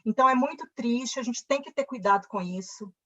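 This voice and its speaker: A woman's voice: on the high side, brisk, fairly bright tone. A woman with a Brazilian accent, a linguistics professor speaking in a live online discussion in an earnest, emphatic lecturing way. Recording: slightly muffled streamed audio.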